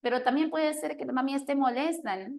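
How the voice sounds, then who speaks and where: A woman teacher giving an animated lesson, often checking in with her listeners. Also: high-pitched, a little fast, gravelly. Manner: animated, questioning, keeps asking "¿sí o no?". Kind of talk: lively classroom lesson.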